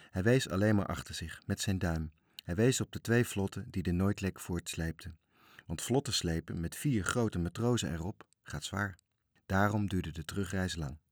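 A man with a fairly low voice reads a children's story with lively storytelling. The sound is dry, with no room echo. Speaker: narrator.

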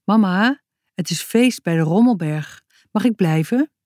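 A woman voicing a shy little girl in a storybook reading, speaking quietly. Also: medium pitch, animated, unhurried, no room sound, studio quality, natural voice. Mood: pleading.

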